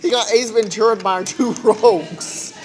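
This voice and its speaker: A player casually chatting in a tabletop game, loud, joking and laughing. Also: mid-range voice, normal speed. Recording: noisy group in the room.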